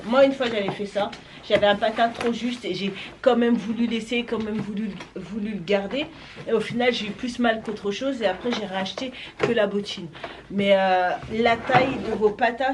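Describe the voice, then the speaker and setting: A woman's voice: on the high side, background noise. A young woman vlogger talking casually and enthusiastically about roller skates, with many fillers and restarts. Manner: chatty, filler-heavy, enthusiastic. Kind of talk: casual product talk to camera.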